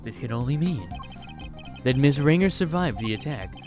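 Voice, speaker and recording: A man's voice: mid-range voice, expressive, moderate pace, a little mellow, close to an everyday voice. A composed male legal investigator voiced by a man argues formally with dry wit. The mid-range voice belongs to an improvised comic game dub, with faint music behind it. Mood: confident reasoning. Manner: formal, wry.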